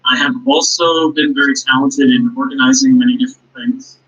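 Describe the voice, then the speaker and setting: A young man being interviewed in casual chat, listing his hobbies with frequent fillers and pauses. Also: fairly high pitch, big pitch swings, a bit bright. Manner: hesitant, lists his talents with fillers. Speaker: guest. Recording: dull lo-fi audio.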